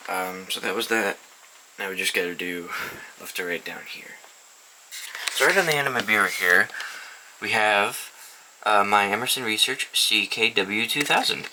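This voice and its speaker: Recorded on a camera mic indoors, a young man rambles and swears freely while casually showing off his collection of weather radios. He talks at a moderate pace in a lowish voice, with background noise present.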